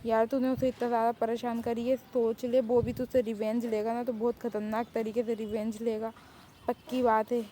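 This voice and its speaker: A woman's voice: a little high, flat delivery, moderate pace, dark tone, a little hiss or hum, natural voice. A woman voicing an anxious young friend who keeps worrying about trouble. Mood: worried. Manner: anxious, fretful. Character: nervous worried young friend.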